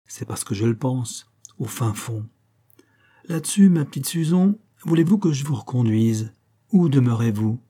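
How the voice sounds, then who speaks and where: A shrewd, cheeky young actor-detective, read by a man with dry, easy wit. The voice is dark and mellow, with a husky edge, and it stays close to plain storybook reading. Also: mid-range voice, animated, measured pace.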